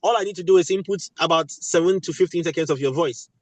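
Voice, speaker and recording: A man's voice: on the high side, quick pace, darkish tone, no room sound. A man with a West African, Ghanaian accent talking emphatically at a webinar, repeating key phrases for weight. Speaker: voice actor and audio producer speaking at a webinar. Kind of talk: animated panel talk.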